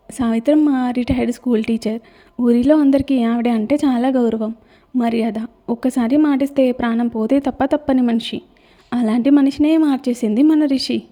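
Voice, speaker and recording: A young woman narrates a romance serial with a steady, expressive reading. Her voice sits a little high but sounds very dark and mellow. The delivery is a scripted story reading.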